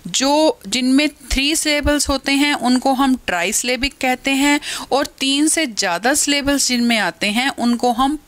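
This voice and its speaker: A woman teacher giving a lecture, slowly explaining step by step and repeating example words. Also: sits high, fairly bright tone.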